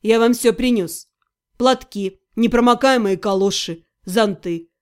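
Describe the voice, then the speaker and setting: A woman voicing an earnest young male necromancer who speaks quietly and sincerely. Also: on the high side, a little slow, voice pushed down, close to an everyday voice. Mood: tender, earnest. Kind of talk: audiobook character voice.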